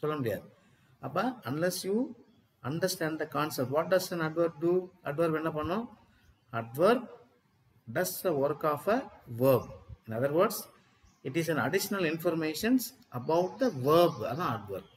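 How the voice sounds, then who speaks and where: A man with a Tamil accent gives an exam-prep grammar lesson in a slightly raised voice. He speaks slowly and deliberately, switching between Tamil and English and checking that his students follow. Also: a little high, low-quality recording. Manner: asks students if they follow. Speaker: English teacher.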